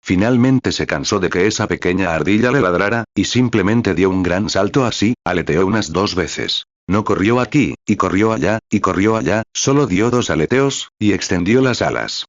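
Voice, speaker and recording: A man reading a translated sermon aloud in a steady, earnest storytelling way. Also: on the low side, moderate pace, few pauses, no echo, dull audio.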